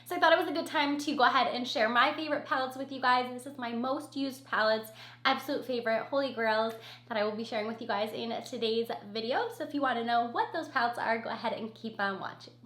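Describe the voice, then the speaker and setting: Gushing over her favorites at a quick pace, a sniffly beauty vlogger with a cold gives a casual product review and repeats words to stress her points. Her scratchy voice is fairly high and a bit bright, and the room is echoey.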